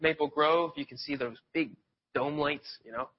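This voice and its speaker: A lay preacher from Pennsylvania, near Philadelphia, delivers an informal, conversational sermon, drifting into loose stories with restarts. He has a cold and sniffles a little. His voice is fairly high at a moderate pace, and the lo-fi recording sounds dull.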